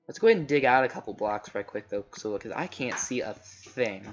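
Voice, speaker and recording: Animated and fairly quick, this young man's medium-pitched, slightly scratchy voice runs through casual commentary as he plays a game, frequently fixing himself mid-sentence. Faint music plays behind him in a slightly dull home recording with faint noise.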